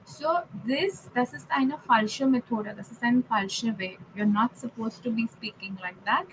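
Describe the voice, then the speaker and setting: A woman teaching German grammar in an online class, stressing words slowly and often checking "okay?". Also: fairly high pitch, a little hiss or hum, low-quality recording.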